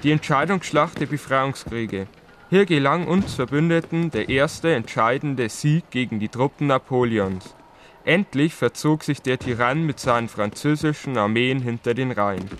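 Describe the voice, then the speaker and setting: A man's voice: mid-range voice, normal speed, a bit bright, slight background noise, lightly acted. A man playing a grumpy, proud old king who grumbles pompously about the young in an educational audio drama. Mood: triumphant, scornful.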